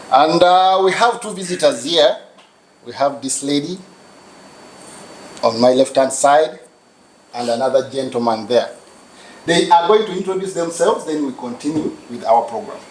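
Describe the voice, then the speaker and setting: A Ugandan man hosts a studio talk show. His voice sits a little high for a man. It carries a roomy echo with a faint hiss underneath. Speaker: host.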